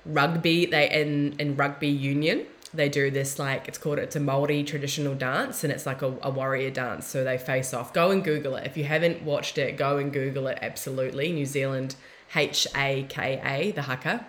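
A young woman guest talking in a heartfelt, soft-spoken way, often trailing off and restarting mid-thought. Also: extremely low pitch, steady tone, a little fast. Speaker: podcast guest. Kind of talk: reflective casual conversation.

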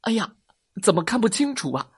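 A woman voicing a bold, slightly clumsy superhero father in a children's storybook, shouting loud battle cries. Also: medium pitch, very animated, a little fast, husky, pitched above the performer's own voice. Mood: heroic. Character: heroic superhero dad, bold and a bit clumsy.

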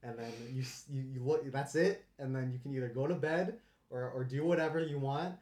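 A man's voice: medium pitch, a little fast, darkish tone. A young man co-hosting a podcast in easy casual chat, laughing often. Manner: laid-back, laughs often. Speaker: podcast co-host. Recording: echoey room.

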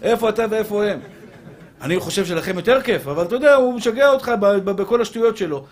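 A man preaching an impassioned sermon, calling his listeners brother and pure soul. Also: high-pitched.

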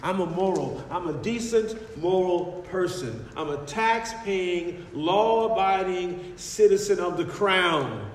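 A man's voice: high-pitched, expressive, slow, hardly any pauses. Man playing a scoffing skeptical atheist. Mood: defensive. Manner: mocking, challenging, rhetorical questions. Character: scoffing skeptical male atheist arguing at the door. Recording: echoey hall with faint noise.

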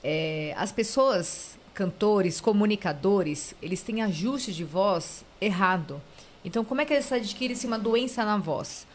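A woman's voice: mid-range voice, animated, measured pace, slight background noise. Woman explaining vividly. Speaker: voice therapist guest. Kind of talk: casual podcast chat.

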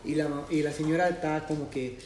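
Man, high voice, rapid casual chat, animated storyteller, roomy sound from a distant mic. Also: slight background noise. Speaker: podcast co-host.

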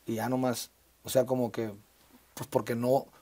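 A man's voice: medium pitch, little pitch movement, moderate pace, warm tone. A man in his thirties from Sinaloa, Mexico, speaking as an interview guest, reflective and full of fillers and restarts. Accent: Mexican Spanish, Sinaloa. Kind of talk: casual conversational interview.

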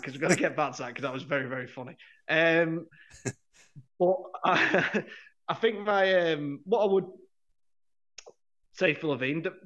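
A man's voice: fairly high pitch, fairly bright tone. A man co-hosting a football podcast in casual chat, rambling and correcting himself, laughing often. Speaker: podcast co-host. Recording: dull lo-fi sound.

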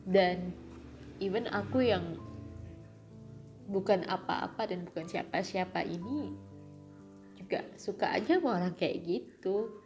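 A woman's voice: medium pitch, measured pace, pauses often, a little mellow. A young woman speaking a reflective, self-critical personal monologue, slipping in English phrases. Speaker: vlogger. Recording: music playing behind.

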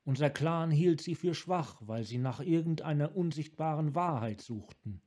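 A man voicing a tormented male wanderer who speaks in broken, halting phrases, in a fan audiobook reading. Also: on the high side, animated, a little mellow. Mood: haunted. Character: haunted tormented male dragon-mage wanderer.

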